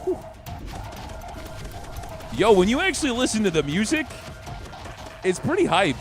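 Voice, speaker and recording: A man giving excitable, jokey commentary while playing a game on a live stream. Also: high voice, a little slow, soft background music. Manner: excitable, jokey trash talk.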